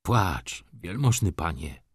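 A man's voice: sits low, big pitch swings, slow pace, slightly rough, dry recording, clean studio sound, heavily acted. A man voicing a humble, pious railway lineman who pleads and consoles in a raised voice. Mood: consoling.

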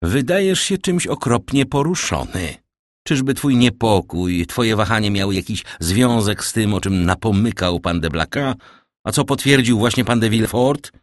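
A man voicing an indignant aging king who gives commands and sharp rebukes in an audiobook reading. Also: on the low side, expressive, moderate pace, no room sound, clean studio sound, voice pushed up, close to an everyday voice. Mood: commanding. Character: indignant aging king, imperious and quick to anger.

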